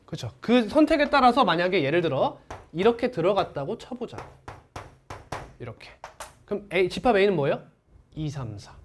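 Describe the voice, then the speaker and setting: A male math teacher lecturing a class. His voice sits fairly high and jumps up and down a lot as he fires off questions to the students and answers them himself. He talks in a brisk, chatty classroom way. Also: sing-song.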